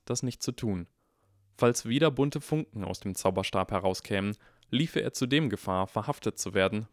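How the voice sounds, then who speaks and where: A man with a fairly low voice reads an audiobook in an even, measured way. The recording is close and dry, with no room sound. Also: no echo. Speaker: audiobook reader. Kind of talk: audiobook narration.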